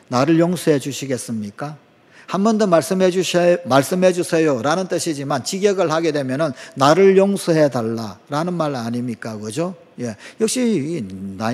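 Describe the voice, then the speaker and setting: A middle-aged Korean pastor preaches a sermon in a slightly higher, husky voice. He tells stories, acts out quoted lines and keeps asking his congregation questions. A long church reverb trails after every phrase. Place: church sanctuary.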